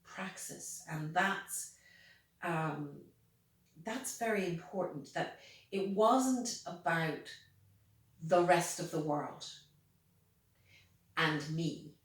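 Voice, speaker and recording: Irish woman being interviewed, measured and slow, lowish voice, super echoey, far from the mic. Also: lively intonation. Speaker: interviewee, pagan priestess. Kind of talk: reflective interview talk. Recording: very echoey room, distant mic.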